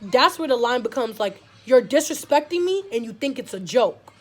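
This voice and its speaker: Young woman, slightly high pitch, casual heated vlog rant, lots of fillers. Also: animated, normal speed. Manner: heated, talks in long run-on streams with many likes. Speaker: vlogger.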